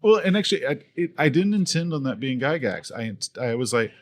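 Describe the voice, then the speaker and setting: A man's voice: medium pitch, fairly quick. A man guest on a podcast, telling anecdotes in casual chat with frequent restarts, laughter and acted-out quoted voices. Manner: animated storyteller who acts out quoted voices. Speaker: podcast guest, video creator.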